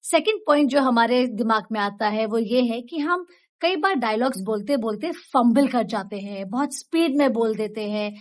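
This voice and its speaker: A woman speaking as an acting coach in a casual vlog, calm, deliberate and reassuring. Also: on the high side. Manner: encouraging, reassuring.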